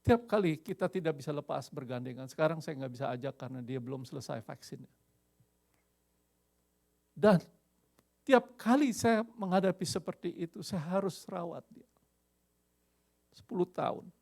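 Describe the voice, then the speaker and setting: An older man from Indonesia preaching a lively sermon as pastor, dropping English phrases into his talk. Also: a little high, moderate pace, vocal fry, long pauses.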